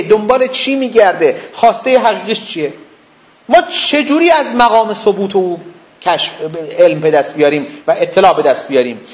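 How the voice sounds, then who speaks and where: A man's voice: sits high, highs cut off. A man teaching a seminary lesson, explaining step by step, repeating points and checking whether his students follow. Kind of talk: didactic lecture.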